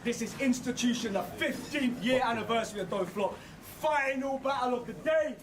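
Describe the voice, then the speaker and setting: A man's voice: extremely high pitch, normal speed, slight background noise. A man hosting a battle rap event, giving emphatic hype introductions as the announcer. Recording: music behind the voice.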